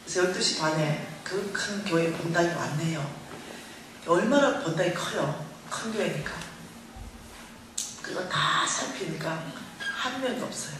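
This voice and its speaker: A middle-aged woman speaking at a revival meeting, telling her story in an animated way and acting out the voices in it. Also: lowish voice, a little slow, background noise. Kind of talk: testimony sermon. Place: large church hall. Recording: echoey hall recording from far off.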